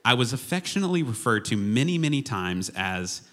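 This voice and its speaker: A worship and media arts pastor from Oklahoma, United States, preaches as a guest in a casual, humorous sermon, chatty and informally self-deprecating. His medium-pitched voice swings widely in pitch and runs a little fast.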